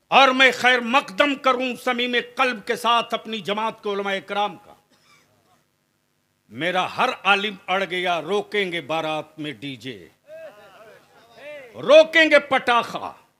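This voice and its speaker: A man preaching a fiery sermon at an outdoor gathering, questioning the crowd and rising into shouts. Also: high voice. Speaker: Islamic preacher.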